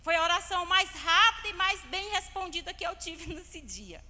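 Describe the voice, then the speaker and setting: A Brazilian woman stands before her church to give a heartfelt testimony, speaking to the congregation as brothers and sisters. Her voice sits high and sounds bright and ringing. A long reverb from the church hall trails after each phrase. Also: animated, normal speed. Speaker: church member giving testimony.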